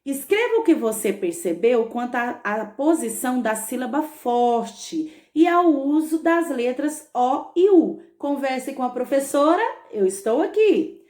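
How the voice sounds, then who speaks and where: A schoolteacher giving a patient remote lesson to young pupils, drawing out words and checking in often. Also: female voice, high-pitched, a little mellow. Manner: patient, stretches words, frequent "tá bom?" check-ins. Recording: echoey room.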